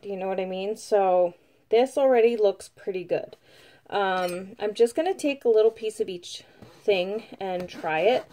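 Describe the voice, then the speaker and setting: A woman's voice: medium pitch, mellow. A woman giving a casual product review at home, chatty and rambling with lots of fillers, sometimes talking while eating. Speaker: vlogger reviewing food.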